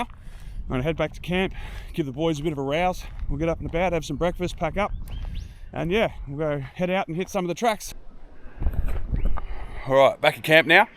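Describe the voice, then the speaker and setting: A man, just woken up and with a low morning voice, talks in a laid-back, rambling way while walking outdoors in the bush. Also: slight background noise. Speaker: 4WD camping vlogger. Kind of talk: casual walk-and-talk vlog.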